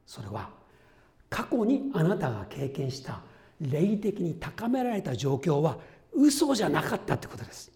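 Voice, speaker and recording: A man preaching a sermon as pastor, earnest, rising to loud exclamations and dropping to soft whispered asides. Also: on the high side, sing-song, moderate pace. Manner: quotes voices and his own notes conversationally.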